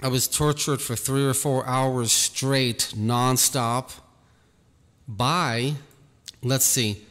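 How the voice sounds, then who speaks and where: Slow, earnest man with echo. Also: medium pitch, steady tone, a bit bright. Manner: earnest, slow, repeats himself. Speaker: ministry leader. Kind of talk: personal testimony monologue.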